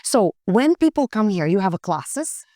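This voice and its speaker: A woman's voice: mid-range voice, sing-song, moderate pace, warm tone, dry recording, clean studio sound. A woman interviewing a guest, asking short questions and giving friendly reactions. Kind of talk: casual interview.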